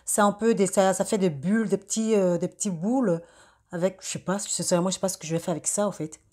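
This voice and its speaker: A young woman talking through a makeup tutorial in a casual, halting way, with many fillers and restarts. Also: medium pitch, steady tone, mellow. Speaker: beauty vlogger.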